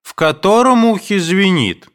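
A man's voice: on the high side, animated, unhurried, fairly bright tone, pitched above the performer's own voice. A man reading a novel aloud, voicing an impatient older mother who shrilly calls out from another room. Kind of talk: audiobook reading.

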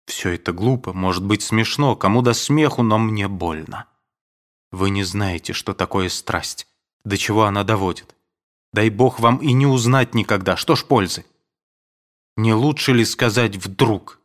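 A man's voice: lowish voice, a little slow, close to an everyday voice. Man voicing a desperate, lovesick young man. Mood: pleading. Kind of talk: audiobook reading.

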